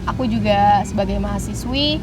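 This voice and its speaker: A woman's voice: medium pitch, normal speed, heavy background noise. A 21-year-old woman, a radio intern chatting casually and giggling in an interview. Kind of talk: casual chat.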